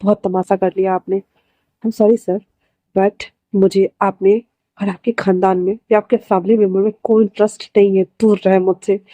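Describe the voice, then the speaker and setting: A woman voicing a bitter, furious young man who was wronged, shouting accusations in a storybook reading. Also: medium pitch, little pitch movement, normal speed, no room sound, lightly acted. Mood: cold. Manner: shouting accusations, stammering in shock.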